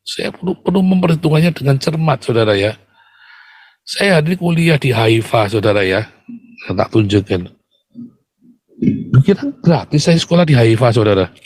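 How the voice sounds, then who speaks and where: A man delivering an impassioned, combative monologue to his viewers. He keeps calling them brothers and sharply jumps up in pitch whenever he makes a point. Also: animated, normal speed, long pauses, darkish tone, no echo. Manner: emphatic and combative, keeps addressing listeners as brothers.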